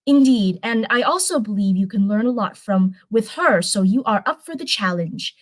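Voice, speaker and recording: A woman voicing a calm, regal and soothing princess mentor in a storybook reading. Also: medium pitch, moderate pace, no room sound, close to an everyday voice. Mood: composed. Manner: composed, gentle.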